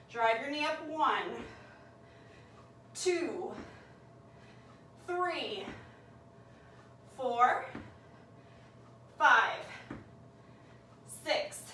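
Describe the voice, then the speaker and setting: A woman's voice: high voice, bright, forceful tone, echoey room, recorded from a distance, slight background noise, low-quality recording. A woman leading a workout class, coaching and counting reps aloud while she exercises, winded and out of breath. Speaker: fitness instructor.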